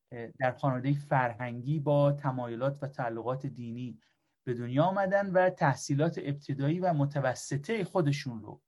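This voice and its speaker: A man's voice: a little high, a little mellow. A man moderating a lecture, giving a polite, formal introduction of the speaker with frequent hesitations.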